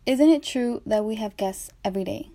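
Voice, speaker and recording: A woman's voice: medium pitch, brisk, mellow, dry recording. A young woman hosting a class podcast, reading her narration and asking interview questions in a plain, chatty, slightly wry way. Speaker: student podcast host and interviewer.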